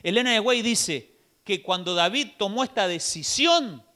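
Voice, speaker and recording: A man with an Argentine accent preaching a sermon in a church, telling the story in an animated way with rhetorical questions. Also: high voice, a little slow. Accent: Rioplatense Argentine Spanish.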